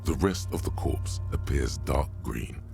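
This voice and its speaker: Bottomless, gravelly, solemn game narrator. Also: male voice, very deep voice, over music, full character voice. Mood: solemn, macabre. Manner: solemn, deliberate, literary. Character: grave inner narrator of a grim detective game. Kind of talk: scripted narration.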